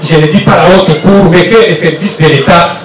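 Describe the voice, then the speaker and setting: A man speaking as a defendant at a court hearing, in an emphatic, repetitive way, rising to forceful protest. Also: high voice, steady tone, moderate pace. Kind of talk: impassioned spoken statement. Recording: echoey room from far off, loud background noise.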